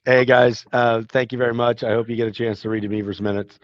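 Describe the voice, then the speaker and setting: Fast-talking, low-voiced man, dull lo-fi sound. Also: level tone, no room sound. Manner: joking, then quick friendly sign-off.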